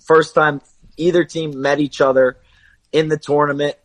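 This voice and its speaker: A man's voice: a little high, level tone, moderate pace, no room sound, rough recording. A young man, a radio intern, in casual sports talk, earnest and a bit defensive.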